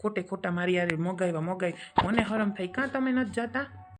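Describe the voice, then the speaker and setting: A woman's voice: mid-range voice, fairly even intonation, a little fast, noisy background, close to an everyday voice. Woman as a whining, put-upon son in a village comedy sketch. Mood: complaining. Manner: complaining, exasperated back-talk. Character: grumbling young married son, put-upon.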